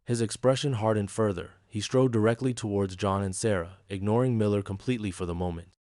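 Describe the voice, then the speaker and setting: A man reading a dramatic story as a narrator, in an even storytelling manner. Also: lowish voice, a little fast, no room sound, studio quality.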